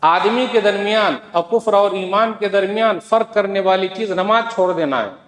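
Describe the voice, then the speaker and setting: A man's voice: sits high, normal speed, fairly bright tone. A man preaching a Friday sermon, exhorting the listeners with rhetorical questions and quoted scripture. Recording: echoey hall with long reverb.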